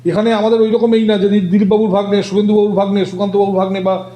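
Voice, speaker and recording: A man answering interview questions about politics, halting often and filling gaps with hesitations. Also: sits high, little pitch movement, dark tone, reverberant. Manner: halting, many fillers and restarts. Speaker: political guest.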